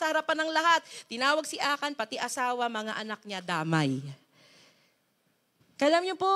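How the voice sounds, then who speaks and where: A woman pastor delivers an animated sermon in a high, bright voice. She leans hard on key words and turns often to her listeners with direct questions. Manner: emphatic, animated preaching with dramatized quotes.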